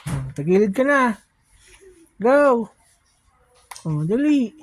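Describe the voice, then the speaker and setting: A woman's voice: fairly high pitch, big pitch swings, slow pace, faint music behind, poor audio. A woman filming a baby at home, coaxing and cooing encouragement in a casual home video.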